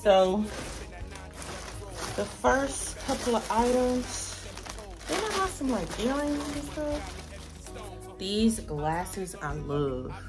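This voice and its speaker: A woman's voice: a little high, sing-song, drawn-out words, pauses often, music in the background. A woman in her thirties with a Southern US accent, chatting casually to her viewers at home and showing off her new things. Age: 30s. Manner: chatty, playful, talks straight to viewers. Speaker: vlogger. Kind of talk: casual vlog chat to camera. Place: home bedroom.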